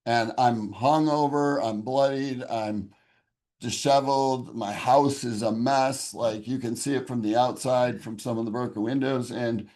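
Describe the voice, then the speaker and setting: A man's voice: mid-range voice, steady tone, measured pace, a little mellow. A man giving an interview and sharing his personal testimony, speaking in an earnest, raw, and emotional way. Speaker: interview guest.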